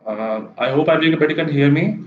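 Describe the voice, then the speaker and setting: A man's voice: on the high side, a little fast, slight background noise. A male counselor speaking over an online call whose connection keeps dropping out, repeatedly checking whether he can be heard. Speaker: study abroad counselor. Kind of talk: webinar presentation. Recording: muffled, echoey remote call audio.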